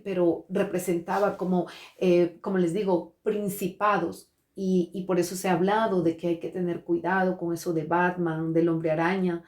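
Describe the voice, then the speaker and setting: A woman's voice: on the low side, a little mellow. Earnest woman pastor preaching in an echoey room. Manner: hesitant, restarts and repeats words; earnest preaching, addresses listeners directly. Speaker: pastor and prophet. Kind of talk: testimony sermon. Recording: roomy echo.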